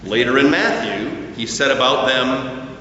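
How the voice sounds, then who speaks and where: A pastor, a man with a medium-pitched voice, preaches a sermon slowly and deliberately, his voice rising and falling with lively emphasis. It sounds dull and echoey, captured by a distant mic in a church hall, with slight background noise.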